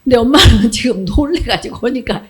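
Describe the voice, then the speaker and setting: Woman pastor telling a bible story to kids, high pitched, super animated, keeps asking them questions. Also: a little fast. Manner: animated storytelling, acts out characters, asks children questions. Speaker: children's pastor. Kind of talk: children's sermon.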